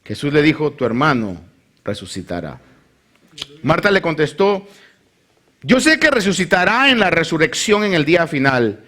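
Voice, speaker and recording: The pastor, a man with a voice on the high side, preaches at a moderate pace with long pauses. He reads scripture and animatedly acts out the voices of the people in the Bible story.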